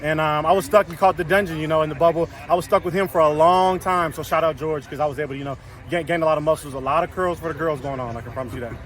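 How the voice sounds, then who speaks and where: Crowd noise fills the outdoor scrum where this young offensive lineman fields post-practice questions. He talks fast in a fairly high, loud voice that carries, stuffing his answers with fillers and repeated words.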